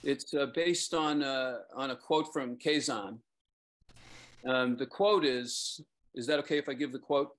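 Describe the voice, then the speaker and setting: On a video call from a lamplit room at home, a middle-aged poet hesitantly introduces his own verse with casual remarks, then reads it in a measured way. His mid-range voice is a bit bright and measured in pace, picked up by a computer mic.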